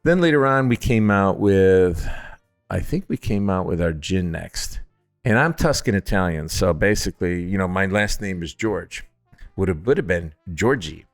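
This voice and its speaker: A man with a very low voice tells stories in a casual interview, acting out what people said with a jokey, self-deprecating streak. His voice sounds dry and close, with faint music underneath. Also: normal speed, no echo. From Upstate New York. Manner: animated storyteller who acts out quotes, jokey and self-deprecating. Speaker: distillery founder and distiller.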